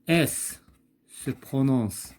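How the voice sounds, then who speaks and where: A man with a Moroccan accent teaching French spelling, slowly repeating each word and thinking aloud as he goes. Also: medium pitch, a little mellow. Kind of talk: slow classroom explanation.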